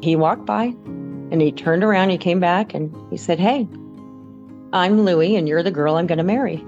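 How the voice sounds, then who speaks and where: A woman's voice: on the low side, normal speed, a little mellow. A woman interview guest telling a personal recollection in a conversational way. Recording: slightly dull audio, faint music.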